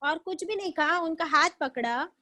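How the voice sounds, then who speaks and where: A woman teaching a religious class over a video call, telling a story gently and often adding pious phrases. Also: very high-pitched, normal speed, no room sound.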